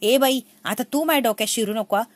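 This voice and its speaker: A woman's voice: a little high, quick pace, dry recording, lightly acted. A woman voicing an irritated young husband who scolds his wife and demands respect. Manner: scolding, exasperated.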